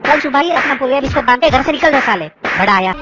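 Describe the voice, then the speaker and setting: A woman doing a shrill, jealous cartoon wife. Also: lively intonation, fast talker, music in the background. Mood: angry. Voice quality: shrill, scolding. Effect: high pitch-shifted cartoon voice.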